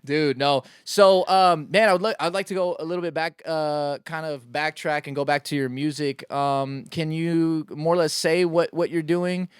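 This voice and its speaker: A man's voice: a little high, steady tone, normal speed, hardly any pauses, clean tone, dry recording, studio quality. A man hosting a podcast, asking questions in a casual, teasing way and laughing often. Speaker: podcast host.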